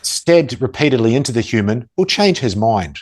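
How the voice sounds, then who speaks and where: A man's voice: mid-range voice, big pitch swings, normal speed, darkish tone. A man with a broad New Zealand accent, explaining things conversationally as a tactical expert, blunt and matter-of-fact with dry humour. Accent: broad Kiwi (New Zealand). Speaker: self-defence and tactical expert guest, former police officer.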